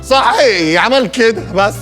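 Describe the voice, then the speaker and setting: An actor playing an excitable, jealous Egyptian man who teases and flares up quickly, in a TV comedy-drama, with a music score behind. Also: high voice. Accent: Egyptian Arabic. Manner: teasing, mocking, quick to flare up. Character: excitable, jealous man just cleared of a charge. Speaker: freed defendant.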